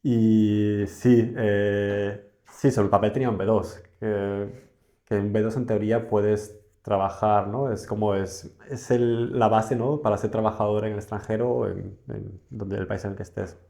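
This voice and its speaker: Speaking at a measured pace, the young man from Spain sounds gravelly and mellow, his fairly low voice keeping a fairly even intonation. As a podcast guest in a casual interview, he reflects on things and hesitates frequently, using lots of fillers.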